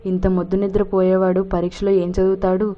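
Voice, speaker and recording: A woman voicing a cheerful, grateful rich young gentleman, in a dull lo-fi recording. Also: sits high, completely flat delivery, brisk, close to an everyday voice. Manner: hearty, grateful.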